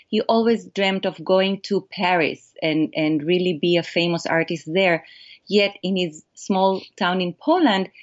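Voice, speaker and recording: An Israeli-accented woman, a documentary filmmaker, answers interview questions earnestly, telling her stories with animation. Her pitch is medium and the sound is lo-fi.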